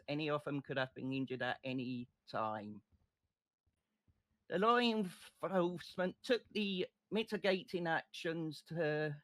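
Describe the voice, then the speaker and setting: A man playing a state prosecutor in an online courtroom role-play, making a passionate, deliberate closing argument. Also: on the high side, a bit bright.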